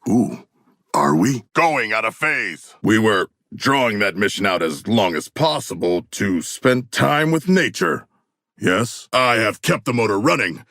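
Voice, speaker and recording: An actor playing a huge, proud, bookish male shark warrior in a video game, speaking in formal, stilted, literal-minded phrases with a gravelly, husky voice. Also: lowish voice, lively intonation, unhurried, pushed and bright, no echo, studio quality, full character voice. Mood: formal, deadpan. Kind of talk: video game character voice lines.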